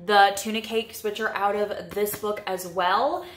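Chatting to camera in her kitchen at home, this twenty-something vlogger sprinkles in lots of "like" and "you know." The camera sits close in front of her, and her medium-pitched voice is steady, measured, and a bit bright, with a little hiss or hum.

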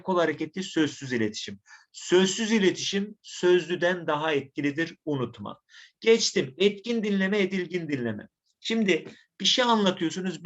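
A man teaching a recorded online lesson, who says his voice is rough and acts out examples to his students. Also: high-pitched. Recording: dull lo-fi sound.

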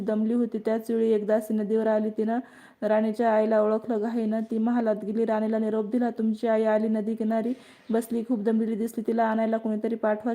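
Give me a woman with a high, mellow voice reading a devotional tale steadily. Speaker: devotional storyteller. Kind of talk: reading a religious folk tale.

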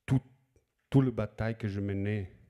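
A middle-aged man with a Slavic accent, whose first language is Slavic, speaks at a fairly low pitch with fairly even intonation and at a normal speed. He is an author at a library talk, telling anecdotes, acting out quoted lines, and repeating words as he searches for them. The audio sounds dull.

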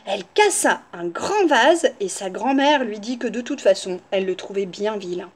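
A woman reading a children's story aloud, expressive and pausing to explain to the children. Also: mid-range voice.

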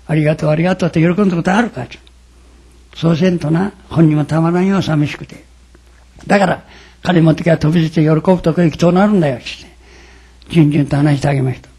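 Gravelly older man. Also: fairly high pitch, steady tone, fast talker, darkish tone. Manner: folksy, dramatic retelling with quoted voices. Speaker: religious lecturer. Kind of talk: storytelling sermon.

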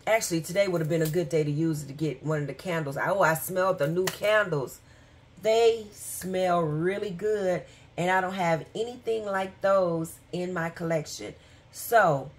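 A woman vlogger talking casually and rambling with fillers and asides, who has the hiccups. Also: lowish voice. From Michigan, USA. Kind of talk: casual chat.

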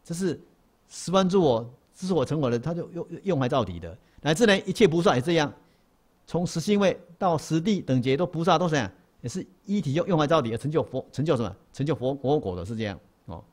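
Emphatic monk lecturing. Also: male voice, a little high, animated, fast talker, a little mellow. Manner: repetitive and emphatic, poses rhetorical questions, often restarts. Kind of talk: dharma lecture to a class. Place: lecture hall.

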